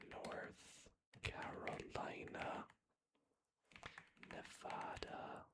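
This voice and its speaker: An ASMR creator whispers softly and hesitantly over the sound of keyboard typing. The whisper is unvoiced and slow, with muttering and self-corrections along the way.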